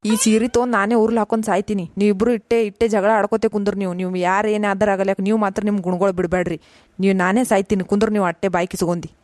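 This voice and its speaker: A woman's voice: mid-range voice, steady tone, darkish tone, no echo, studio quality, close to an everyday voice. A woman voicing an exasperated grown son and husband in a cartoon, scolding in a North Karnataka accent. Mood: fed up. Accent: North Karnataka Kannada. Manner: scolding, fed-up, rapid complaining. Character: exasperated adult son and husband caught in family fights. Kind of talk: cartoon voice acting.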